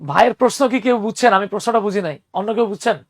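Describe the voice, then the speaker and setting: A young man teaching spoken English in an online class, lively and teasing, explaining patiently with examples. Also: high-pitched, racing, vocal fry, no echo, studio quality.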